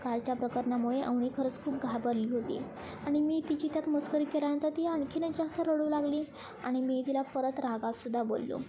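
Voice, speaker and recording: A woman voicing a quick-tempered young man who is a teasing boss, speaking indignantly and defensively in a storybook reading. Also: sits high, muffled recording, noisy background, close to an everyday voice.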